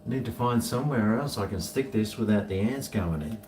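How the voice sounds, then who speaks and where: A man's voice: lowish voice, expressive, brisk, a little mellow. A man with a broad New Zealand accent chatting casually to viewers, rambling and thinking aloud in a laid-back way. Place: indoors, home kitchen. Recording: echoey room, distant mic, faint noise.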